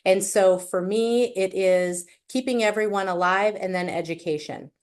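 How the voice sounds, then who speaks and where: A woman's voice: mid-range voice, moderate pace, a little mellow. A woman from Wisconsin with a Wisconsin accent, speaking as a panelist on a video call in a chatty, self-deprecating way with many fillers. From Wisconsin, USA. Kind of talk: casual panel remarks over a video call.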